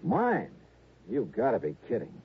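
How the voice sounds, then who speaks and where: Johnny Dollar, animated radio detective. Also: male voice, on the low side, a little slow, gravelly, husky, muffled recording, heavily acted. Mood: wry, relaxed. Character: shrewd, confident male insurance investigator hero. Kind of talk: 1950s radio drama acting. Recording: thin, noisy old radio recording.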